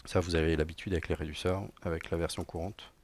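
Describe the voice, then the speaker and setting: A middle-aged man with a low-pitched, level, slightly mellow voice talks fast as he live-codes at a conference. The technical director keeps his tech talk informal, joking dryly and leaning on many fillers.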